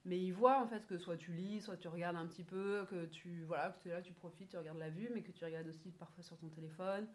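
Young woman guest, lowish pitch, halting and hesitant, laughs easily. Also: fairly even intonation. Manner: hesitant, many fillers and restarts, laughs. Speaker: podcast guest. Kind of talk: casual chat.

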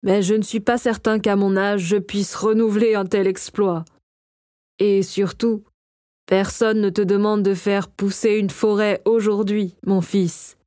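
A woman reading a gentle king and father. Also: mid-range voice, measured pace, no room sound, studio quality, natural voice. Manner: calm, warm and reassuring. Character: kind, gentle male king and father, a magician.

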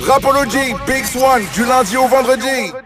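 A man's voice: extremely high pitch, steady tone, normal speed, over music. A man singing a punchy radio station jingle over a hip hop beat. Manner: sung, punchy.

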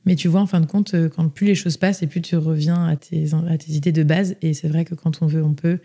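Young woman chatting on a podcast, low dark voice, lots of euh and restarts. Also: steady tone, fairly quick, slightly rough. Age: young adult. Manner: chatty, many fillers and restarts. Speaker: interview guest. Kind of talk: casual podcast interview.

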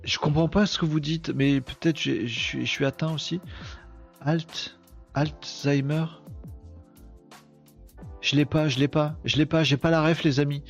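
A man's voice: a little high, fairly even intonation, a little slow, pauses often. A man hosting a casual live stream, chatty and self-mocking, answering viewers' comments as he goes. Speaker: live show host. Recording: slightly dull sound with faint music behind.

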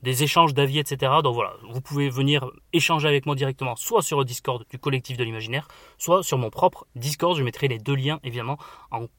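A man hosting a casual book podcast, chatty and enthusiastic, often filling pauses with "voilà". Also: medium pitch, a bit bright, no room sound, studio quality. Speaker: podcast host.

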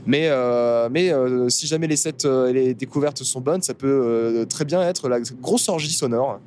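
A man's voice: medium pitch, measured pace, a little mellow, slight background noise. A French man chatting casually in a car, hesitant and full of fillers. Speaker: podcast co-host. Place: inside a car on a highway.

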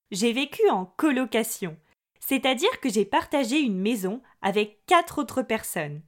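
Higher-pitched woman hosting a French-learning podcast. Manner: friendly, articulate, addresses listeners directly. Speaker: podcast host teaching French. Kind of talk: clear, slow-paced podcast lesson for learners.

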